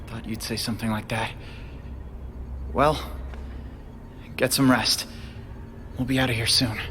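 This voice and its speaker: A man's voice: mid-range voice, steady tone, unhurried, slight background noise. A young man with an American accent, acting as a devoted, wry young superhero in a video game cutscene. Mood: relieved, wry. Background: loud music.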